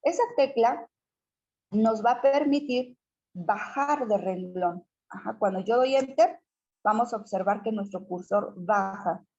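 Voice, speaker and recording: A woman's voice: medium pitch, a little slow, darkish tone, dull audio. A woman teacher walks students through a computer screen tutorial, patiently checking in with them as she goes.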